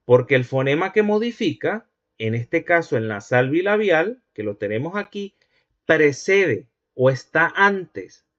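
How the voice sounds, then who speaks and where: A man teaching a university phonology class, patient and repetitive, often pausing to check that students follow. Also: mid-range voice, no room sound. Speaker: linguistics teacher. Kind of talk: university lecture. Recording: dry, dull lo-fi recording.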